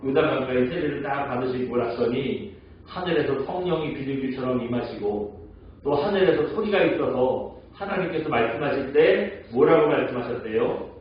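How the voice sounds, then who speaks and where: A man preaching a Sunday sermon as pastor. He tells stories, asks the congregation questions and acts out quoted lines in a softer, slower voice. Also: medium pitch, slight background noise. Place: church sanctuary. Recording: echoey church hall, mic at a distance, dull sound.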